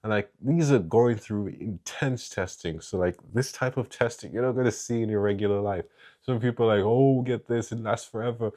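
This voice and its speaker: A young man from East Africa ranks family cars in a loose, unscripted way. He hesitates often and restarts his sentences. His voice sits a little low. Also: moderate pace, mellow. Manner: rambling, hesitant with many fillers and restarts. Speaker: car reviewer. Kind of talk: casual tier-list review.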